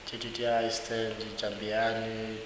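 A man's voice: on the low side, completely flat delivery, unhurried, fairly bright tone. A man from Dar es Salaam with a Tanzanian accent and non-native English phrasing, answering interview questions conversationally. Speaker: interviewee, hospitality student. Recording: echoey hall, hissy background noise.

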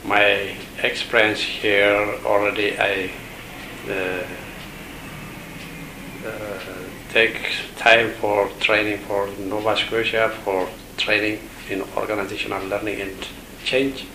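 A man from Ethiopia, an education official, giving halting interview answers with many pauses and fillers. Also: on the low side, flat delivery, reverberant, noisy background.

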